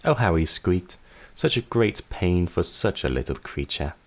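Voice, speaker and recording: A man's voice: low voice, big pitch swings, measured pace, exaggerated voice. A man voicing a cruel, vain young woman who taunts in a sing-song way. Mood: taunting.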